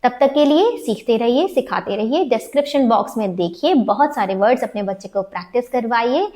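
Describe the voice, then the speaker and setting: A woman with an Indian English accent teaching a phonics lesson to parents, switching between Hindi and English and slowing down to sound out letters. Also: a little high, animated, dark tone. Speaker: phonics trainer.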